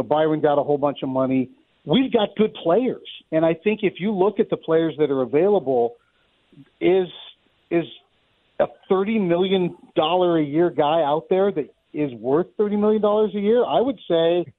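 A baseball announcer, interviewed over a thin, phone-like line, offers conversational sports analysis. His voice sits on the high side with lively intonation and a moderate pace, and there's no echo. He's wordy, repeating words as he thinks out loud.

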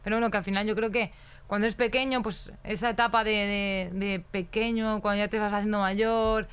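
A woman's voice: mid-range voice, fairly even intonation, fairly quick, clear, resonant tone. A young woman, a football player talking as a guest, blunt and emphatic, swearing freely. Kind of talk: casual podcast chat.

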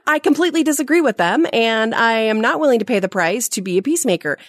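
A woman's voice: a little high, quick pace, no echo, clean studio sound. A woman in her forties, a podcast guest telling stories in casual chat, laughing at herself. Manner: animated, self-mocking storyteller who laughs at herself.

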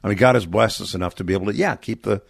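A man's voice: fairly low pitch, racing, vocal fry, husky, dry recording, studio quality. A middle-aged man from Texas, a charity guest on a radio interview, telling stories in an earnest, reflective way.

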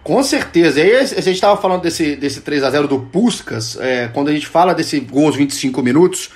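A man's voice: a little high, expressive, a little fast. A male football podcast host interviewing conversationally, with eager, winding questions.

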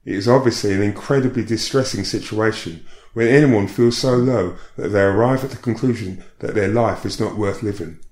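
Measured man with a lower voice. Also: darkish tone. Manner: measured, reflective. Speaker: podcast host. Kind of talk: scripted personal narration. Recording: echoey room.

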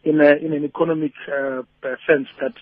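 A man calling a radio phone-in, reasoning haltingly through his opinion and repeating words as he goes. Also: fairly high pitch, little pitch movement. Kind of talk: casual reflective opinion. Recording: tinny narrow phone line.

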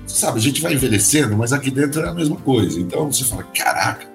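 A man's voice: medium pitch, sing-song, fast, vocal fry, reverberant, faint music behind. An older Brazilian actor telling personal stories as a podcast guest, acting out the people he quotes. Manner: warm storytelling, acts out quoted voices. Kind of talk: casual interview chat.

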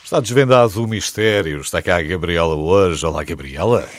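A man's voice: low-pitched, fairly quick. A man with a European Portuguese accent hosting a music show and chatting with a guest in a joking way. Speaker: radio show host. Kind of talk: casual interview chat.

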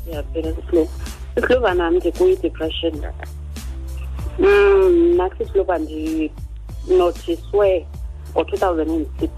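A woman's voice: lowish voice, lively intonation, measured pace, long pauses, warm tone, faint music behind, poor audio. A South African woman telling a personal story in plain conversation on a radio programme. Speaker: caller sharing personal story.

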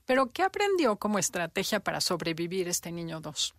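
A woman's voice: fairly low pitch, sing-song, a little fast, fairly bright tone, no room sound, studio quality. A woman co-hosting a podcast in casual chat, steering the talk with questions. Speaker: podcast co-host.

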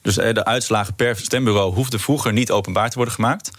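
Politician guy talking fast, kinda gravelly, repeats himself, dry sound. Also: fairly low pitch, fairly bright tone, dry recording. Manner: fast, repeats words when starting, argues firmly. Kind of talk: political interview.

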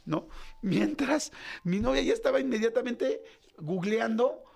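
Casting: Mexican male host, lively storyteller acting out voices, high and gravelly. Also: a little slow. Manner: animated storyteller, acts out voices, colloquial slang. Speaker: radio show host. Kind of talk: casual anecdote telling.

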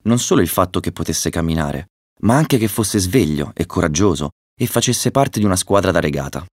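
Deep-voiced man reading a children's story. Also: expressive, a little fast, dry recording, clean studio sound. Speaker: narrator.

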